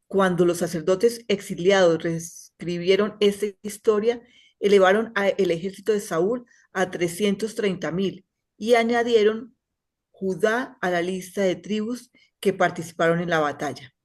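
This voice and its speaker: A woman reading a passage aloud to a study group over a video call, steady with small slips she corrects. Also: medium pitch, a little slow.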